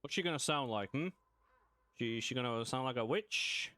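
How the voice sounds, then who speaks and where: A man's voice: medium pitch, normal speed, bright, forceful tone, clean tone, no echo. A man chatting casually to himself as he plays a video game on stream, with mumbled asides. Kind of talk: casual gameplay commentary.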